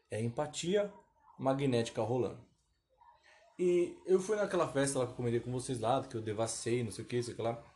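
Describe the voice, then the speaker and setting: A man's voice: on the high side, darkish tone. A Brazilian man with a Brazilian accent hosting a casual solo podcast, telling a story in a rambling, self-deprecating way. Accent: Brazilian Portuguese. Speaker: podcast host.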